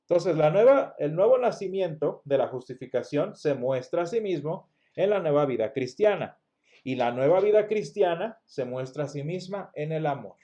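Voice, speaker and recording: On a muffled recording, a man with a fairly high, dark-toned voice teaches a Sunday school Bible lesson. He patiently explains the material, restarts words often, and puts rhetorical questions to the class.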